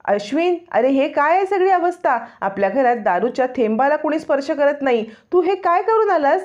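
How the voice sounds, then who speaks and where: A haughty, sharp-tongued young woman, read by a woman narrator with a curt, scornful edge and a raised, rather high voice. The recording sounds dull. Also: animated, moderate pace.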